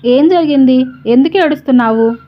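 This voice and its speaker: A woman's voice: sits high, fairly quick, natural voice. A woman voicing an earnest, outspoken young working woman with a forthright way of talking. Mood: bewildered. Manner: indignant, outspoken. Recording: dull lo-fi recording.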